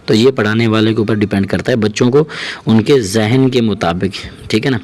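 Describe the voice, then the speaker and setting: A man's voice: lowish voice, a little mellow. A man, teaching Quran reading in a patient way, repeating his points and drawing out each recited letter. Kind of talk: explaining a lesson.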